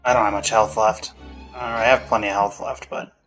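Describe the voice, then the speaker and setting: A man's voice: on the low side, flat delivery, a little fast, fairly bright tone. A man giving casual gameplay commentary as a streamer reacting to a game. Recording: faint music behind voice.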